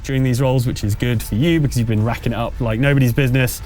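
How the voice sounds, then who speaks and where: Acting as game master, a man narrates a tabletop game and explains what happens in a conversational, slightly hesitant way. His medium-pitched voice is fast, fairly even in intonation and darkish in tone. Background music plays under his voice.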